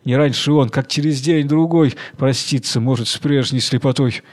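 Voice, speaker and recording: A man's voice: mid-range voice, normal speed, darkish tone, close to an everyday voice. A man voicing a sly, scheming young wife who pleads and then talks her way out of trouble. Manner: pleading, then smoothly excusing herself.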